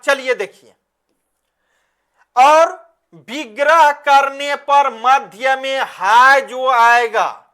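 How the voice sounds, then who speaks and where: A man teaching an online class, speaking slowly. He keeps putting questions to his students and then answers them himself, calling them "beta" as he goes. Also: extremely high pitch, bright, forceful tone, clear, resonant tone.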